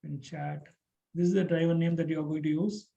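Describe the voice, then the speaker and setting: Halting man teaching code. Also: fairly high pitch, steady tone, creaky, dark tone, low-quality recording. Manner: halting, spells out terms letter by letter. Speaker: programming instructor. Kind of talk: live online coding class.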